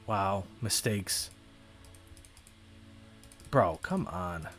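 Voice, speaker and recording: A man's voice: sits low, lively intonation, very slow, a bit bright, soft background music. A man chatting casually on a livestream while he plays, rambling and hesitant, poking fun at himself. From United States. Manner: rambling, hesitant, self-deprecating. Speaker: streamer.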